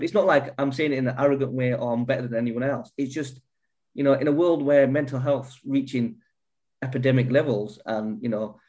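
A man's voice: mid-range voice, darkish tone. Earnest man telling his story. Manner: earnest, swears freely, many restarts. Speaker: guest. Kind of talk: candid personal storytelling.

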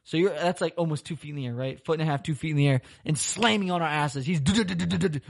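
A young man from Florida who hosts a casual talk show. His voice sits on the high side, and he tells stories in a loose, rambling way, laughing and swearing as he acts out the moments. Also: fast talker. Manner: rambling, laughing, swears a lot, animated retelling. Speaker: podcast host. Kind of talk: casual storytelling chat.

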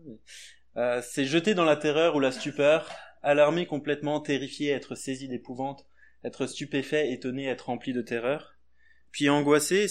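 A man preaching a sermon in a church, talking in a hesitant, conversational way with many restarts. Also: mid-range voice. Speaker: lay preacher.

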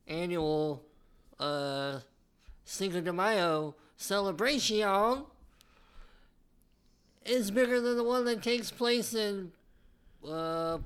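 A man co-hosting a casual podcast, speaking haltingly with dry quips. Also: high voice, fairly bright tone. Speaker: podcast co-host. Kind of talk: casual chat.

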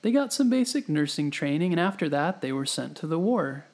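A man narrating a scripted history story for children, gently and clearly explaining as he speaks to the listener, as a storytelling host. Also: on the high side, very animated, brisk. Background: background music.

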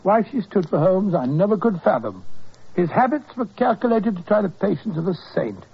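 An actor playing a steady, kindly male doctor who narrates and reassures in a brisk, earnest way, in 1940s radio acting. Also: high-pitched, gravelly, husky, full character voice. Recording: muffled old radio broadcast.

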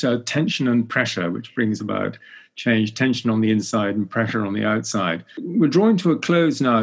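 A middle-aged man hosting an interview, affirming his guest and sometimes stumbling over repeated words. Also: mid-range voice. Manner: warm, affirming, slightly halting with repeated words. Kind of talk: conversational interview.

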